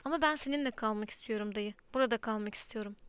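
A wary, doubtful teenage boy from an audiobook, read by a woman. The voice is smooth and a little high. The recording is dry and slightly muffled. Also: fast, no room sound, close to an everyday voice.

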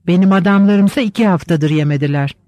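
A man voicing a hot-tempered male cavalry captain who talks in blunt, shouting bursts, read in an audiobook. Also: high voice, fast, no echo, lightly acted. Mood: curt.

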